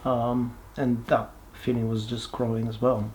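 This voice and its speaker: A man, giving a halting, reflective personal testimony with many pauses and restarts. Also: mid-range voice, flat delivery, a little mellow, slight background noise. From Bulgaria. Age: 40s. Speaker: person sharing his life story.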